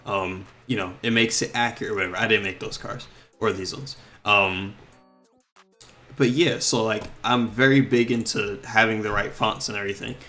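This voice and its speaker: A man's voice: on the low side, normal speed, faint music behind. A man streaming live as he designs police cars for a game, chatting casually with plenty of ums and likes. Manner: relaxed, rambling, full of ums and likes.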